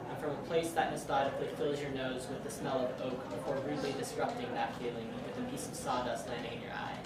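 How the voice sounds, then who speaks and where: Male student reciting his poem; distant mic, heavy room echo. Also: medium pitch. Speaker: student poet. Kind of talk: poetry reading. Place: college classroom. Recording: echoey room from far off with loud noise.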